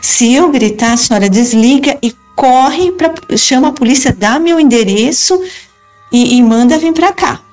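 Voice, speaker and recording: Middle-aged woman storyteller, earnest first-person account, slightly high voice, faint music bed. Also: normal speed, a little mellow. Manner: earnest, retells dialogue in quotes. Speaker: storyteller recounting a haunted house.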